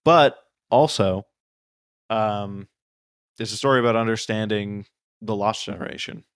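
Man, low voice, dry close sound, casual book podcast, rambling recap, lots of ums. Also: unhurried, clean tone, no echo. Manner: rambling retelling with many fillers. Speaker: podcast co-host.

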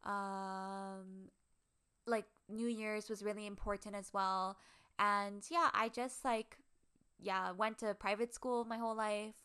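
An American woman in her twenties from Hawaii, a podcast co-host telling personal stories casually in a halting, informal and self-effacing way. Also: mid-range voice, fairly even intonation, pushed and bright, clean tone. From Hawaii, United States. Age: 20s.

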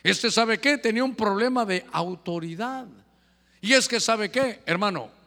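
Male pastor, high voice, fervent sermon delivery, long hall reverb. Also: unhurried, pushed and bright. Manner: fervent preaching, often addressing "hermano".

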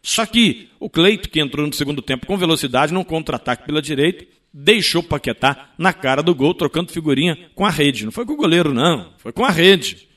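Brazilian male radio host, emphatic and colloquial, with a fairly high, sharp, forceful voice. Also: lively intonation, brisk, hardly any pauses. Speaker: sports radio show host. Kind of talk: conversational sports radio monologue.

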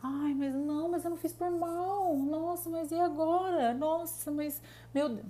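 A woman's voice: sits high, unhurried, mellow, pitched above the performer's own voice. A woman imitating a whiny, self-pitying woman who plays the tearful victim.

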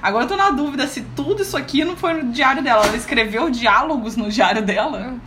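A woman's voice: sits high, animated, quick pace, noisy background. Giggly young Brazilian woman joking around. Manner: joking, giggly, dramatic asides. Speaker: co-host. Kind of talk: casual chat reading fan fiction.

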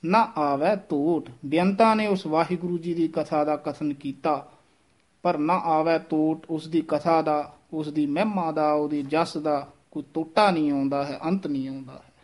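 A man teaching the correct pronunciation of recited verse, repeating each phrase slowly and carefully. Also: a little high, fairly even intonation. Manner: slow, careful, repeats each line syllable by syllable.

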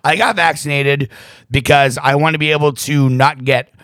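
A middle-aged man with a gravelly voice, chatting casually in a blunt, sweary, ranting way. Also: fairly high pitch, moderate pace, no room sound. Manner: profane, animated, blunt ranting. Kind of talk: casual chat.

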